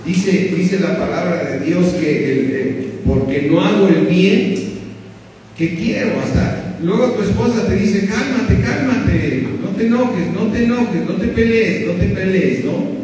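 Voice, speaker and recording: Older man preaching, pastor, slightly high voice, chatty with tag questions, very echoey hall, distant mic. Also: darkish tone. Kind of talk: sermon. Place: church hall. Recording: very echoey hall from far off, faint noise.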